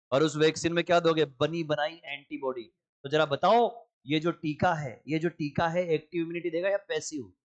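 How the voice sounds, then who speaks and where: A young man gives a biology lesson with a slightly high voice. His talk is lively and teasing, and he slips into little skits to explain the cells. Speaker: biology teacher. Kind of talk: classroom lecture.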